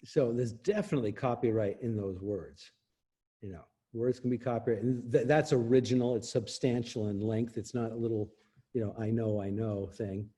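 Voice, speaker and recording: Husky, mellow man explaining copyright. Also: medium pitch, moderate pace. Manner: emphatic, laughs often. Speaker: interview guest, copyright expert. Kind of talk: explanatory casual talk.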